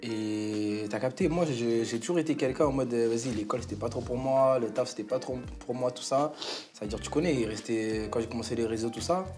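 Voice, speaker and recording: Male guest, casual storytelling, mid pitch, lots of fillers and slang, music behind. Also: a little mellow. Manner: slangy, halting, many fillers. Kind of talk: casual storytelling among friends.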